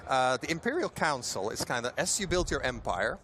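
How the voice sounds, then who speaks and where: A man's voice: mid-range voice, very animated, brisk, bright, forceful tone. Man explaining a game at a noisy fair. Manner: friendly, explains with hesitant fillers and restarts. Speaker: game developer guest. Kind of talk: casual interview at a trade fair.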